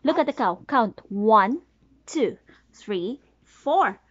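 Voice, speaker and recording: Perched on the bed in a small bedroom, this mother in her thirties reads a picture book to her little one, asking questions and counting along. Her voice runs a bit high and expressive, with a slow, sing-song delivery captured on a dull, lo-fi home recording.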